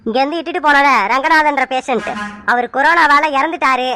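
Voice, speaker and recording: A blunt young hospital messenger. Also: female voice, sits high, background noise. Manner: matter-of-fact, hurried.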